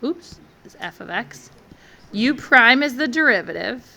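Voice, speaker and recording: A woman's voice: on the high side, expressive, measured pace, vocal fry, sharp tone. A woman teaching math in a classroom, walking through each step and asking the class encouraging questions. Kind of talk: classroom lecture.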